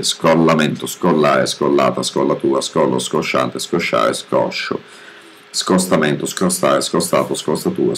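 A man reading a dictionary word by word in a flat, even, deadpan way. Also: a bass voice, slight background noise. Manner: flat, even reading of single words with pauses. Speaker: reader of a dictionary.

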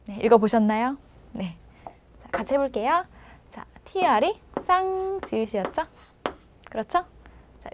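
A woman teaching pronunciation in a video lesson, patiently prompting and sounding words out slowly. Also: fairly high pitch, a little mellow, a little hiss or hum. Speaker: language teacher.

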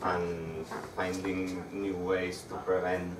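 A young man with a Spanish accent giving a meetup tech talk with slides, speaking haltingly with frequent restarts. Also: low voice, monotone. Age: young adult. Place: dark room with projector screen. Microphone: far camera. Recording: echoey room, distant mic, audible background noise.

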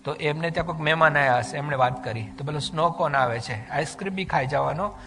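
A man giving a devotional sermon in an animated storytelling way, slipping English phrases into his talk. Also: a little high, fast talker, long reverb tail. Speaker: religious speaker giving a discourse.

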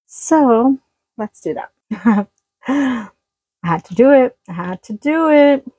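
A woman's voice: a little high, lively intonation, slow, warm tone, breathy edge, dry recording, poor audio. A woman chatting casually while cooking in a small trailer kitchen, laughing often as she works. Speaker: cooking vlogger. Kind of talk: casual cooking chat to camera. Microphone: phone-plugged mic near the counter.

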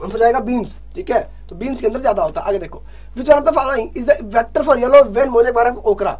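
A male exam prep teacher leading a live online revision class. He keeps pushing students to answer fast and jokingly scolds them. He reads the English questions out slowly and explains them in Hindi. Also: very high-pitched, darkish tone.

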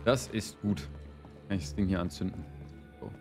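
A man's voice: low-pitched, normal speed. A man giving casual gaming commentary as he plays, rambling in slangy, sweary language. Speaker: let's player. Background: game music.

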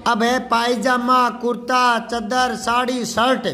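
A man with an extremely high, level, sharp voice slowly goes through a worksheet with a children's class, patiently asking pupils questions and then answering them himself. He spells out words syllable by syllable.

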